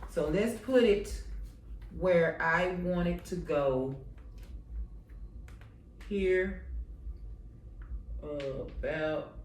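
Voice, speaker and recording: A woman's voice: on the low side, very slow, long pauses, slight background noise. A woman chatting to herself and her viewers as she works on a craft project, using Southern US slang. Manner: chatty, talks to herself and the viewers while working. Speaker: crafting vlogger. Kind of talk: casual crafting tutorial. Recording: roomy, from a distance, faint ambience.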